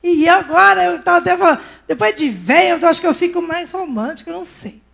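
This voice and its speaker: A woman's voice: very high-pitched, fast, creaky, a bit bright. A middle-aged woman with a Brazilian Portuguese accent preaching at a women's church service, conversational and full of personal stories. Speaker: pastor's wife preaching.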